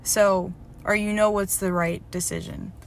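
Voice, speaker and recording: Her medium-pitched voice moves little in pitch and keeps a measured pace. In a personal diary vlog, this young woman speaks candidly, reflectively, and emotionally, wandering through her thoughts with frequent fillers and corrections of herself.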